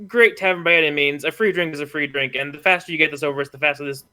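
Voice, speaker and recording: This man runs the table as game master, with a bright, forceful tone and a smooth, crisp voice. His narration wanders and stalls on fillers as he describes the scene, coming through an online call mic. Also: on the high side, quick pace. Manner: loose, hesitant narration full of fillers.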